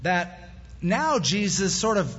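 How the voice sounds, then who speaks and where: A man's voice: high voice, big pitch swings, slow, a bit bright, slightly rough. A man preaching a sermon as pastor at a pulpit microphone in a church sanctuary, talking in a conversational way with plain-spoken asides. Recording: echoey hall, dull lo-fi sound.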